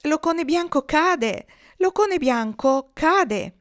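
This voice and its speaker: A woman voicing a flock of frantic geese calling from the rear of the formation, with slow, alarmed, drawn-out cries. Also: high voice, expressive, a bit bright, voice pushed up, full character voice.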